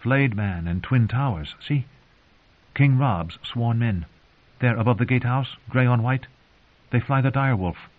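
A man's voice: medium pitch, a little slow, pitched above the performer's own voice, close to an everyday voice. A man voicing a stubborn, earnest young woman knight who speaks insistently, on a dull lo-fi recording. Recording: dull lo-fi audio.

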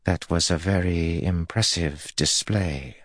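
A man voicing a proud, guarded young empress in an audiobook, soft-spoken and measured. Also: deep voice, expressive, breathy edge, no room sound, studio quality, pitched above the performer's own voice, exaggerated voice.

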